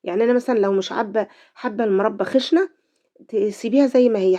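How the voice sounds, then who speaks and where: Egyptian woman, middle-aged, cooking host with a cold; fast, chatty, mellow tone. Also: medium pitch, muffled recording. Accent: Egyptian Arabic. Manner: chatty, talks to viewers directly. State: voice affected by a cold. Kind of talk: home cooking tutorial.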